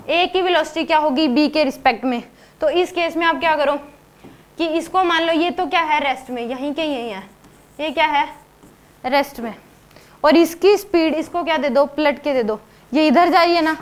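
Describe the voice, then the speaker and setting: High-voiced woman teaching physics. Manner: explains step by step, asking the class rhetorical questions. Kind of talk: classroom lecture at a board.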